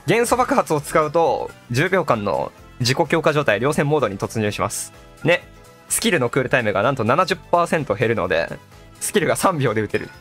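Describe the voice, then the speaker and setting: A man doing excitable live gameplay commentary as a streamer. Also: mid-range voice, brisk. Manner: excitable, exclaiming, echoes game lines. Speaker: gaming streamer. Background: game music and sound effects.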